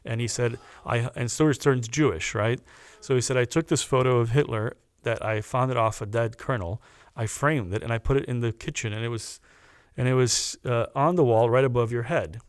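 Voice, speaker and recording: A man, a guest on a podcast, telling a personal story in a casual, animated way, often stopping to restart a phrase. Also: mid-range voice, normal speed, hardly any pauses, clean tone, no echo. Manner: animated anecdote teller with restarts.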